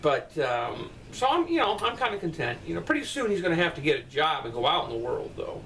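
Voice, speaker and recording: Here a middle-aged man answers viewer comments indoors in his bedroom at night, talking bluntly and rambling with the occasional profanity. His slightly high, fairly bright voice swings hugely in pitch and runs a little fast. A distant mic catches faint room noise.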